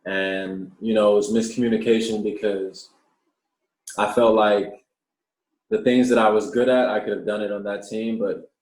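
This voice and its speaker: A man's voice: lowish voice, moderate pace, roomy sound, low-quality recording. A man in his twenties, a professional basketball player who grew up in Australia, answering interview questions casually and often repeating words as he starts a thought. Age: 20s. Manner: relaxed, repeats words when starting sentences.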